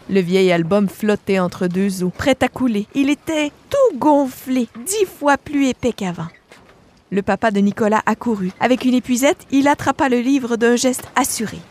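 Gentle female storyteller for a bedtime read-aloud, dry and close. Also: medium pitch, no room sound. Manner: gentle, slow, expressive pauses.

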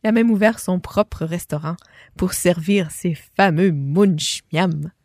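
Expressive woman reading a children's story. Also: fairly low pitch, a little slow, no room sound. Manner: warm, expressive, addresses the child listener.

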